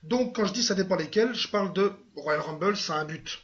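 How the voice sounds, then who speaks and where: A man with a slightly higher voice tells history in a loose, chatty way on a podcast. The sound is dull and lo-fi. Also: fairly quick, a bit bright, a little hiss or hum. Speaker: podcast guest. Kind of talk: casual podcast discussion.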